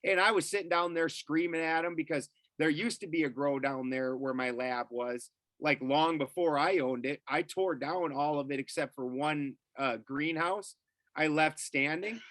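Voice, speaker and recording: Middle-aged male podcast guest, animated and profane, bright tense tone. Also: a little high, moderate pace, dry recording. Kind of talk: casual storytelling.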